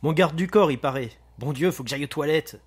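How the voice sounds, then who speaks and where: A man voicing a loud, foul-mouthed, panicky male gangster in an audiobook reading, shouting and swearing. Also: fairly high pitch, fairly quick, slightly rough, voice pushed up. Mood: furious.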